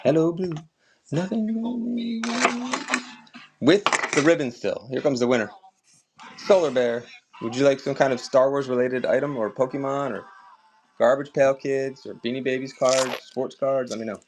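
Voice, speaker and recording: A man's voice: mid-range voice, steady tone, normal speed, a little mellow, slight background noise. Chatty man selling collectibles live. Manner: chatty, upbeat, talks to viewers by name. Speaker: live auction seller. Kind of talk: casual live-stream selling chat.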